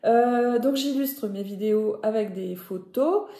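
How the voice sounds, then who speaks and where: A woman from northern France hosts a knitting podcast, her voice on the high side with a dark tone and a measured pace. She speaks with a Ch'ti accent in a casual, hesitant chat full of self-corrections, recorded in an echoey room.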